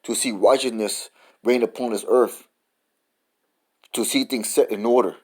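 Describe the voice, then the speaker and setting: A man preaches in a loose, profane way, repeating himself and tacking "man" onto his sentences. He stops to read verses and word definitions aloud. His voice sits at an ordinary middle pitch for a man. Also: steady tone, unhurried, darkish tone. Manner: profane, repetitive, says "man" often; reads scripture and definitions aloud. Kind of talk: informal sermon.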